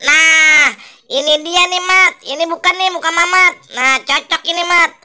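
A woman's voice: extremely high pitch, moderate pace, bright, forceful tone, exaggerated voice. A woman voicing Toing, a lazy, grumbling male ondel-ondel puppet who teases his crying friend. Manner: grumbling, teasing, bossy.

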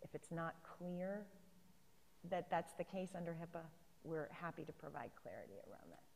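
A middle-aged woman with a lower voice lays out rules on a panel, careful and precise. She talks through a lapel mic on a stage, and her voice trails off into the long reverb of a big hall. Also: animated, normal speed, vocal fry, a little mellow. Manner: careful, legal-minded, explanatory. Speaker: federal privacy regulator on a panel. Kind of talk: panel discussion. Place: conference stage in a large hall.

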